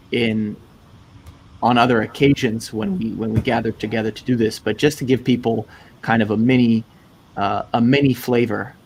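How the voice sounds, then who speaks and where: A man hosting a casual conversation, relaxed, asking open questions. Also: medium pitch, a little hiss or hum. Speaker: host.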